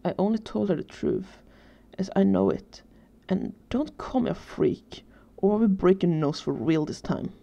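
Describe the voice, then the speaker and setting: A woman's voice: sing-song, moderate pace, vocal fry, warm tone, dull audio. Danny, a hissing teenage boy, read by a woman. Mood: threatening. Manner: low hissing threats. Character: cold, threatening teenage boy with ghost powers.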